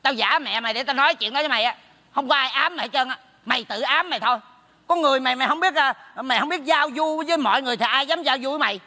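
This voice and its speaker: A meddling neighbor teases and mocks in quick bursts with a Southern Vietnamese accent. His voice sits high and sounds bright. He keeps up a stage comedy sketch's brisk banter. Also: big-room sound, heavily acted. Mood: mocking. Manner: quick, mocking teasing. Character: meddling, teasing male neighbor.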